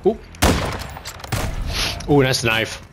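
A man's voice: mid-range voice, very animated, extremely slow, background noise. A man playing a shooter with friends, talking in terse bursts and swearing over headset chat. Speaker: player in a gaming party. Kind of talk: casual gaming chat. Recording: game gunfire behind.

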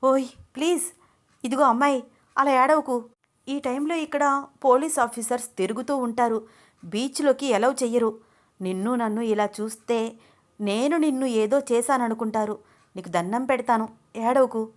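A woman voicing a brash, short-tempered young man who talks loudly and bluntly in a told story. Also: fairly high pitch, moderate pace, long pauses, close to an everyday voice. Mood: flustered pleading. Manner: loud, scolding, blunt.

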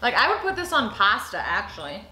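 A woman's voice: medium pitch, wildly swooping pitch, fairly quick. A young woman chatting casually as she gives her taste reactions on camera in a room. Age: young adult. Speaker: co-host of a taste-test video. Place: indoors at a table in a room. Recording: echoey room, faint noise.

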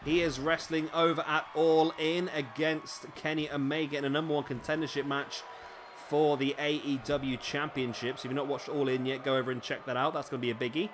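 A man's voice: fairly high pitch, flat delivery, fairly quick, background noise. Chatty man commentating with hiccups. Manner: chatty, asks tag questions, corrects himself. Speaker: commentator for a wrestling video game. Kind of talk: casual play-by-play commentary.

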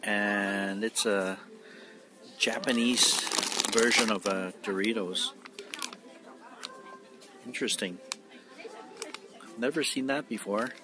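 A man's voice: lowish voice, takes it slowly, pauses often, music in the background. A middle-aged man vlogging on his phone while walking through a large supermarket, amazed and rambling with fillers. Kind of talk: casual walkthrough vlog. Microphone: phone held while walking. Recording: noisy phone recording in store. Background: store ambience.

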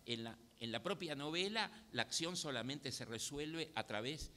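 A man with an Argentine accent, speaking as a panelist at a book presentation in a measured, thoughtful academic manner, pausing often to restart his phrases. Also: on the high side, lively intonation, bright, forceful tone. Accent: Argentine Spanish. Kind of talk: academic commentary at a public event. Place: museum hall. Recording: reverberant hall with faint ambience.

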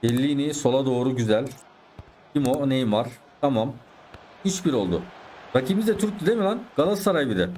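A man's voice: medium pitch, animated, fast, a little mellow, a little hiss or hum. A man giving chatty live commentary over his own football video game, talking to his viewers and exclaiming at the plays. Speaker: gaming YouTuber.

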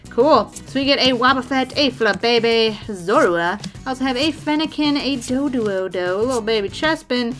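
Excitable female unboxing host, slightly high voice, faint music under her. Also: moderate pace, hardly any pauses. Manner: bubbly, chatty, excitable, addresses viewers as "you guys". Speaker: trading card unboxing host. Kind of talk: casual unboxing commentary.

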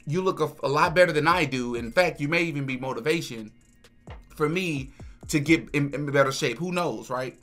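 A young adult man hosts a reaction channel, filming a reaction video in a small furnished room indoors. He offers casual, opinionated commentary and repeats words for emphasis. His voice is a little high and a bit bright at a moderate pace, with faint music behind.

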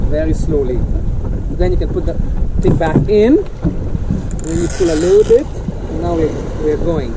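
A man patiently teaching a sailing lesson on a small boat at sea, picked up by an action camera. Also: sits high. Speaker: sailing instructor. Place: small sailboat outdoors at sea. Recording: wind noise outdoors at sea.

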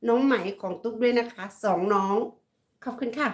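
A woman's voice: on the high side, fairly quick. A woman hosting a casual livestream, chatting and reading out viewers' comments and thanking them by name. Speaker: livestream host.

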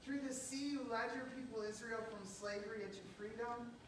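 Woman pastor, solemn liturgy, cathedral echo, far from the mic. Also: on the high side. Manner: measured, solemn, ceremonial. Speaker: pastor leading a baptism. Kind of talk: formal liturgical reading. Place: large reverberant church sanctuary. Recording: very echoey church, distant mic, background noise.

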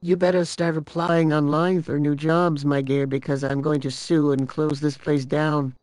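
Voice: medium pitch, flat delivery, moderate pace, darkish tone, no room sound, natural voice. Young person faking old as a cranky granny in a game rp, fussy and whiny, always threatening to sue, dry mic. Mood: plaintive, indignant. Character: cranky, litigious elderly granny. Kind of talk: improvised game role-play.

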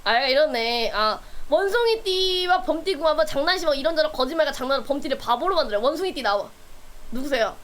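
A woman's voice: high-pitched, expressive, quick pace, fairly bright tone. A woman streamer chatting casually with her viewers, playful and teasing, often breaking into laughter.

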